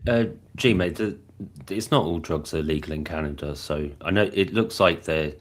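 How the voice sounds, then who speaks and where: A man's voice: very deep voice, moderate pace. A British man in casual live-stream chat, explaining at length with many fillers and restarts. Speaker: panel guest.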